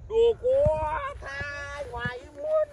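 A woman playing an unhinged, clingy young woman who lurches between yelling and muttering. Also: high voice, wildly swooping pitch, slow, vocal fry, heavy background noise, full character voice.

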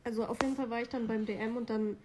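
A young woman rambles on in casual chat. She talks extremely fast in a slightly high voice, with faint noise behind her. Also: steady tone. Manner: chatty, rambling.

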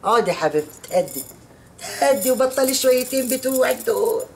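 Brisk Egyptian mother, fast, slightly high, teasing edge. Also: lively intonation, a little mellow, slight background noise. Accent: Egyptian Arabic. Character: sharp-tongued older mother figure.

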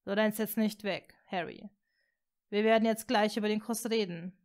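A woman reading a fan story aloud, voicing a gentle, tentative blond teenage boy wizard in a soft, hushed voice. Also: mid-range voice, fairly even intonation, normal speed, lightly acted.

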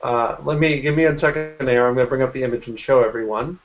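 Talking at a quick pace in a mid-range voice, a graphic artist in his forties casually explains his work in a video-call interview from a room at home. The computer mic cuts off the highs, and music plays in the background.

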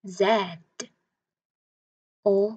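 A woman teaching the alphabet to children. She pronounces each word slowly, repeats it, and praises the listener. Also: mid-range voice, steady tone, darkish tone, husky. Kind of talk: slow pronunciation drill. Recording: dull lo-fi sound.

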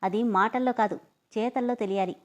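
A woman's voice: fairly high pitch, a little fast, lightly acted. A woman reading a story aloud, voicing a bossy young man who mocks and teases. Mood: mocking. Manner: mocking and domineering.

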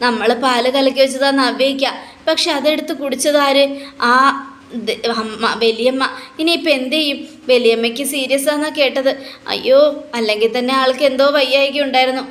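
A woman's voice: high-pitched, fairly even intonation, brisk, lightly acted. A woman voicing a scheming young woman who sounds defensive and anxious.

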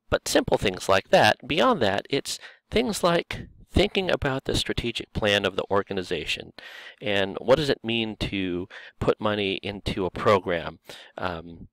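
A low-voiced man with a gravelly, creaky edge walks students through a recorded course review. He talks in a relaxed way, with frequent filler words. The sound is dry and close, with no room echo. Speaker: course instructor. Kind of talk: recorded lecture video.

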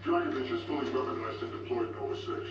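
An actor playing a stern, urgent government interrogator in a video game, insistent and commanding. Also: male voice, medium pitch, wildly swooping pitch, quick pace, highs cut off, very noisy. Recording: distant echoey game audio under loud music.

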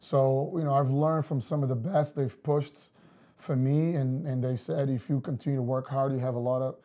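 A man, a soccer coach explaining his methods in an interview, measured with many fillers. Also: medium pitch, fairly even intonation, dark tone. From Portugal. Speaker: girls' soccer coach, guest. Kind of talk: casual interview talk. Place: studio set with wood backdrop.

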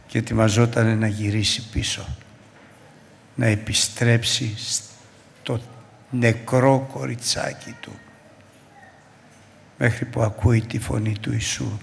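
Gravelly fervent preacher man. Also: medium pitch, level tone, long pauses, in a large hall, a little hiss or hum. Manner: preaching with rising fervor, shouting at the peaks. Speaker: pastor. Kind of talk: sermon. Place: church.

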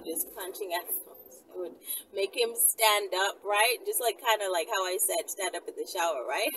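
A woman in her thirties sits in a car by a street during the day, chatting casually and unscripted to her channel's viewers. She muses aloud in a rambling way, posing rhetorical questions, in a mid-range, slightly bright voice. Her camera is held at arm's length, so the sound is distant with a noisy car interior.

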